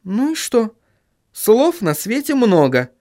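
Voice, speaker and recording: Young woman, as a male reader puts her on, light, coaxing, lively, audiobook figure. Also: sits high, slow, pitched above the performer's own voice, full character voice. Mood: teasing. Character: lively cheerful young woman, newspaper partner.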